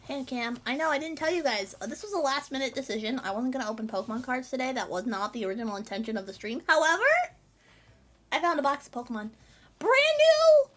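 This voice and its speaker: A woman's voice: a little high, quick pace, a bit bright. A woman streamer chatting casually to her chat, bubbly and rambling with frequent giggles.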